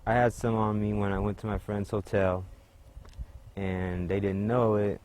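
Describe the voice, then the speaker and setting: A man's voice: on the low side, little pitch movement, measured pace, a little mellow. A man being interviewed outdoors in a park, casually retelling events with quoted dialogue and some cussing. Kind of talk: casual storytelling.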